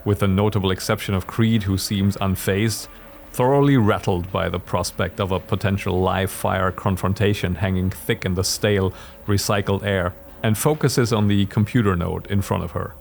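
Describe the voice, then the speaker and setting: A man with a low voice narrates a solo tabletop role-playing story in measured, descriptive sentences. Soft music plays faintly underneath. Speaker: host and narrator.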